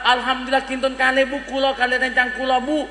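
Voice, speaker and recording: A preacher voicing a humble devoted son. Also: male voice, very high voice, level tone, quick pace, a little hiss or hum. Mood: pleading. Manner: polite pleading, soft-spoken. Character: poor devoted young son, humble and polite. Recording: echoey hall.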